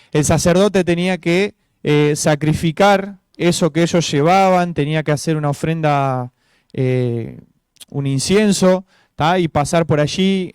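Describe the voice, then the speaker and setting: A man's voice: high voice, a little mellow, clean tone, no echo. A man preaching an informal sermon, full of rhetorical questions and fillers. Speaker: pastor. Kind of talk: conversational sermon.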